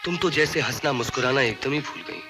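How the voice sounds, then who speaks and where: A man's voice: medium pitch, lively intonation, fairly quick, natural voice. Actor doing earnest young guy, coaxing and teasing, voice goes all over, film music under it. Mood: tender. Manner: pleading then coaxing and teasing. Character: earnest young man, tender, playful and stubborn. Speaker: young man consoling a widowed woman. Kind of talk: 1980s Hindi film acting. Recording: film soundtrack with music beneath.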